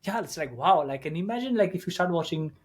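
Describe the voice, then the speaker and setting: A man from India in his thirties hosting a podcast, talking in a relaxed, rambling way with lots of fillers. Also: on the high side, fast talker, husky. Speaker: podcast host. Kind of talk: casual conversational interview.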